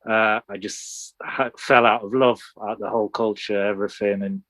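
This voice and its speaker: A sneaker collector in his thirties, originally from Sudan and brought to the UK when young, chats casually and tells his story as an interview guest. His lowish voice is steady and fairly bright, moving at a moderate pace, with slight background noise.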